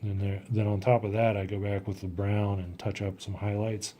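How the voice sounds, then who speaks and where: A man with a fairly low, warm and mellow voice explains his watercolor process while he works. He thinks aloud in a hesitant, low-key way and often trails off mid-sentence. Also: little pitch movement, normal speed. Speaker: watercolor artist. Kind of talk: casual painting demonstration.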